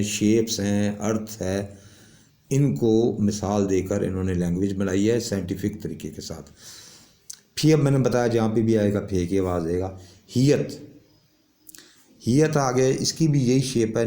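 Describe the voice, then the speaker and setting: ایک مرد استاد جو کلاس میں صبر سے حروف کی آوازیں سمجھاتا ہے اور بار بار "ٹھیک ہے" پوچھتا ہے۔. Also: male voice, on the low side, dark tone. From Pakistan. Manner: explains patiently with many check-ins. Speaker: language teacher. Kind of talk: classroom lesson explaining an alphabet.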